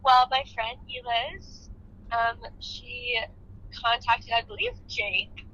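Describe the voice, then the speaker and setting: A woman's voice: fairly high pitch, slow, sharp tone, a little hiss or hum. A young woman on a phone call played over speaker, chatting casually and rambling with lots of fillers. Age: young adult. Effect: heard over a phone on speaker. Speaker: phone-in guest. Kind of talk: casual storytelling. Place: outdoors in the rain. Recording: muffled phone speaker audio.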